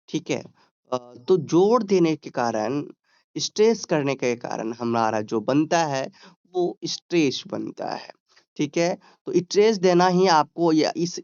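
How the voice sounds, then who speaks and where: A man with a Hindi accent teaching an exam-prep lesson, explaining step by step, drawing out English words slowly and checking in with students. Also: a little high, a little mellow, no room sound, muffled recording. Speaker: exam tutor.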